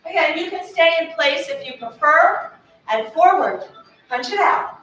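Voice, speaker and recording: A woman's voice: high voice, expressive, unhurried, a bit bright, recorded from a distance. A woman fitness instructor leading an exercise class in a carpeted studio, cueing moves while exercising and slightly out of breath. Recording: very echoey room, voice off-mic, faint music.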